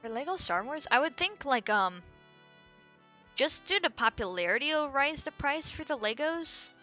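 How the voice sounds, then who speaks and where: Her voice is high, sharp and very animated, delivered at a normal speed. She's a streamer drawing on stream, chatting casually, thinking out loud and muttering as she rambles. Music can be faintly heard behind her.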